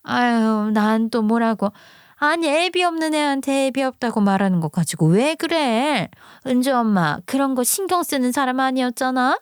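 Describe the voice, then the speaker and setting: A woman's voice: on the high side, clean tone, no room sound, clean studio sound, pitched above the performer's own voice, close to an everyday voice. A woman voicing a dismissive, snippy middle-aged mother who scoffs and gets defensive. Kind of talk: storytelling acting.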